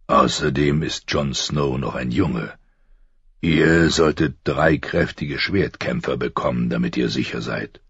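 A man voicing a stern, weary old military commander with a deep, gravelly voice. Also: unhurried, fairly bright tone, dry recording, lo-fi sound, heavily acted.

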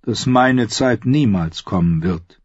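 A man's voice: lowish voice, husky, no room sound, dull audio. A man voicing a tired old knight who speaks politely and with resignation. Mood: resigned. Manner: polite, measured.

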